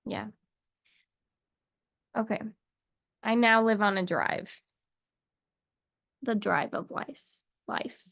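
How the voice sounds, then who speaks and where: A woman's voice: medium pitch, drawn-out words, gravelly, long pauses, a bit bright, dry recording, studio quality. A young woman teaching a casual English lesson to camera, chatty and playful, wandering off into little asides.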